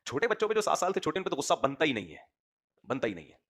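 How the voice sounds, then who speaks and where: A man's voice: fairly high pitch, wildly swooping pitch, very fast, fairly bright tone. A man giving a sermon as an Islamic preacher, speaking with a rhetorical manner and often addressing his listeners directly.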